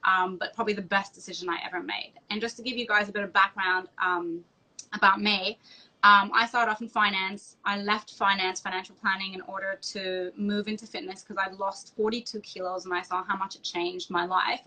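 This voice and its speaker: Bright-voiced chatty woman from Egypt. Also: medium pitch, fairly quick. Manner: animated, chatty, frequent ums. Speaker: host. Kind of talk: casual podcast conversation.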